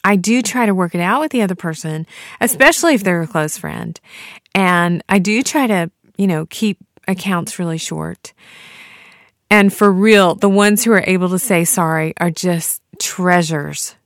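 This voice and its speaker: A woman hosting a solo devotional podcast, talking in a heartfelt, earnest way with soft laughs. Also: lowish voice, moderate pace, dry recording, studio quality. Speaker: podcast host.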